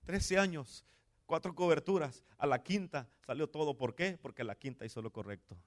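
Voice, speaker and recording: A man, a pastor preaching a sermon and retelling a story, dropping to a hush and then surging upward on his exclamations. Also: fairly high pitch, moderate pace.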